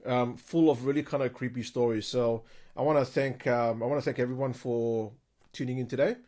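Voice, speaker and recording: A man's voice: mid-range voice, steady tone, brisk, mellow. A man co-hosting a ghost-story podcast, joking around, swearing freely and laughing often. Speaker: podcast co-host.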